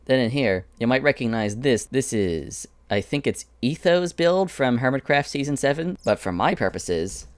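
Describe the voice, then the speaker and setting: Man, casual walkthrough, chatty and wandering, smooth resonant voice, dry close sound. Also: medium pitch, lively intonation, normal speed, few pauses, no room sound. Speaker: animator showing his Minecraft prop world. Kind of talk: casual screen-recorded walkthrough.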